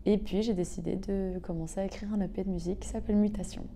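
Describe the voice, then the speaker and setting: A singer and actress in her twenties from the south of France tells her story in a casual interview, hesitating often, using many filler sounds and laughing easily. Her medium-pitched voice is steady, warm and creaky, and she talks fast, with a little hiss or hum in the audio.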